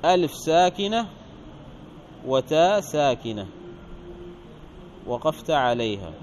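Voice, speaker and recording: A male teacher reading a grammar text aloud and explaining it, asking the class questions and slowing down to stress example words. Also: a little high, sing-song, darkish tone, a little hiss or hum.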